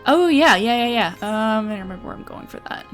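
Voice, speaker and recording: A woman's voice: a little high, expressive, fast talker, soft background music. A young woman hosting a casual livestream while playing a game, chatty and upbeat, with lots of fillers and affirmations. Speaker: livestream host.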